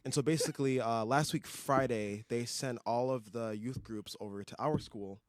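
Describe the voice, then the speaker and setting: A man's voice: mid-range voice, moderate pace, no echo, studio quality. A young man with a slight lisp, co-hosting a casual podcast and telling rambling stories full of fillers. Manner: rambling, filler-heavy storytelling. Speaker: podcast co-host. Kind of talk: casual chat. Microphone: studio podcast microphone.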